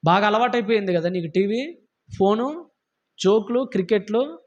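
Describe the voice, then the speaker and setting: A man's voice: sits high, expressive, moderate pace, a little mellow. A man preaching a sermon in a church, scolding his listeners with emphatic rhetorical questions. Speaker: pastor. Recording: dull lo-fi sound.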